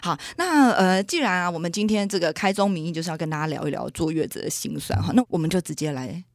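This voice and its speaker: A woman hosting a casual podcast chat, chatty and quick to react. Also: lowish voice, expressive, no room sound, clean studio sound. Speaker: podcast host.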